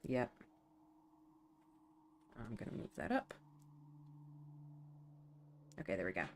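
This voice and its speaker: Low-voiced woman streaming games. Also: wildly swooping pitch, slow, gravelly, background noise. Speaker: game streamer. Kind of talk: casual stream chat.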